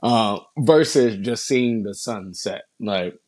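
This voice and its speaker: A man co-hosting a casual podcast, telling animated stories full of swearing and casual slang. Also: on the low side, slow pace, no echo. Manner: animated storyteller, swears a lot, says bro. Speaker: podcast co-host.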